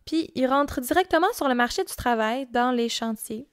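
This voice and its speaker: High-voiced Québécois woman telling a story. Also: lively intonation, moderate pace, no echo, clean studio sound. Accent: Québécois French. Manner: casual, chatty storytelling with frequent fillers. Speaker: podcast host and storyteller. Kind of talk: true-crime podcast narration.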